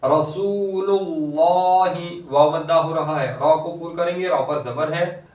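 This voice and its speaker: A male Quran reading teacher, explaining pronunciation rules and reciting words slowly and drawn out. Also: a little high, steady tone. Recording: echoey room, voice from a distance.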